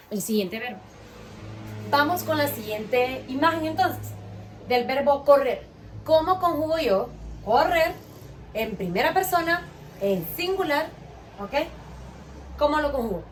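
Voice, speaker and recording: A woman's voice: fairly high pitch, a little hiss or hum. A woman teaching a grade-school lesson, asking the children questions and praising their answers with patience.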